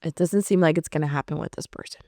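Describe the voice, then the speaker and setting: A woman's voice: sits low, fast talker, mellow, dry recording, studio quality. A woman telling her personal faith testimony in an earnest, storytelling way, often saying "like". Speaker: podcast guest sharing testimony.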